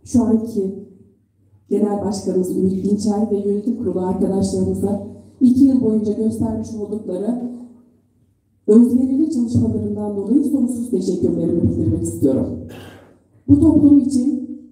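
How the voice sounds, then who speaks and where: A middle-aged woman giving an earnest, deliberate public speech as a delegate at a pulpit microphone. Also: mid-range voice, warm tone. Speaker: delegate speaking at a federation congress. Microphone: podium microphone in a hall. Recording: echoey hall PA, distant microphone.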